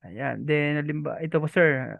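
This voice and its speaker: A man's voice: on the high side, unhurried, gravelly, no room sound, narrow, tinny audio. A man teaching a language lesson in a patient, polite way, often repeating himself and checking that the learners follow.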